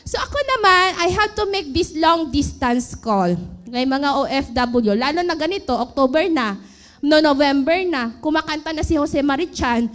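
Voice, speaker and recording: A woman's voice: high-pitched, lively intonation, moderate pace, fairly bright tone, slight background noise. A woman from the Philippines in her thirties, telling her story of working abroad and asking her audience questions. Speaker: former overseas worker. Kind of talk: emotional personal testimony.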